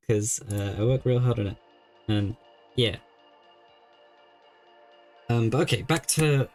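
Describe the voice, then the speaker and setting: Young guy, kinda low voice, easygoing streamer thinking out loud. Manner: easygoing, thinks aloud while puzzling. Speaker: game streamer. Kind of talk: casual live-stream chat.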